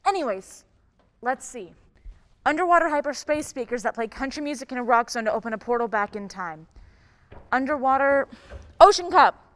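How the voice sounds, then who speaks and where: A woman playing a vain, lazy female chief of a cop federation, commanding and brisk in a live stage comedy. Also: on the high side, lively intonation, slight background noise, close to an everyday voice. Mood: bossy. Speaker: stage actor. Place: theatre stage. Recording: long reverb of a theatre stage.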